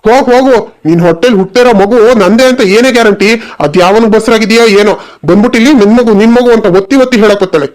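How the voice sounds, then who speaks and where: A man voices a cruel young husband in a cartoon who is quick to anger and barks harsh threats. His voice sits high for a man and moves at a brisk pace. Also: close to an everyday voice. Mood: angry. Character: cruel hot-tempered young husband, mother's boy.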